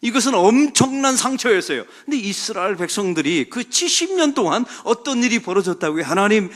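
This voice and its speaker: A middle-aged senior pastor preaches a sermon in a church sanctuary, swinging emphatically between loud calls and hushed asides. His voice sits high, and he is very animated and brisk.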